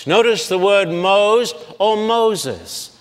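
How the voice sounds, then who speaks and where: A male Bible lecturer with a fairly high voice speaks slowly and with great deliberation, breaking long names into separate syllables. His voice carries a long reverb, as if recorded in a large lecture hall. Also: lively intonation. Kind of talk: public Bible lecture with blackboard.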